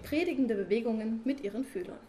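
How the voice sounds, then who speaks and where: A woman reading a humorous story aloud as narrator, calm and even. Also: fairly high pitch, fast, heavy background noise.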